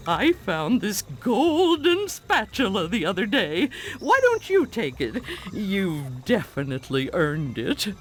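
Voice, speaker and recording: A woman voicing a gentle, matronly middle-aged pufferfish lady in a cartoon game, genteel and fluttery. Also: medium pitch, huge pitch swings, slow, hardly any pauses, soft background music. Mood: grateful. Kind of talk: cartoon game character acting.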